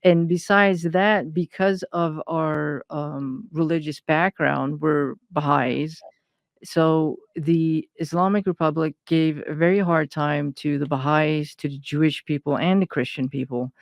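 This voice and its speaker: Woman from iran telling her story, smooth clear voice, lots of ums, dry sound. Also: low-pitched, fairly even intonation, measured pace, no echo. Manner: hesitant, many fillers and restarts. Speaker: guest, intuitive consultant. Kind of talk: personal interview talk.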